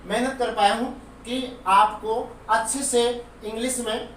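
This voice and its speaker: A man's voice: extremely high pitch, fairly even intonation, unhurried, fairly bright tone, a little hiss or hum. A man teaching an English lesson, explaining patiently and repeating example words to drill them. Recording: very echoey room, far from the mic.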